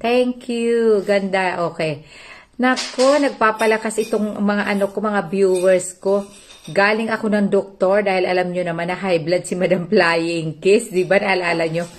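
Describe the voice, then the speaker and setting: A chatty woman with a Filipino accent hosts a casual livestream. She greets viewers one by one and reads their comments aloud. Her voice sits at an ordinary mid pitch. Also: fairly even intonation, measured pace. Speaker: livestream host.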